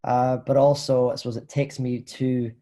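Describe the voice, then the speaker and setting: A man's voice: medium pitch, little pitch movement, moderate pace, warm tone. Hesitant man lecturing over video call. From Highlands of Scotland. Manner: thoughtful, hesitant, many fillers and restarts. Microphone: video call computer mic.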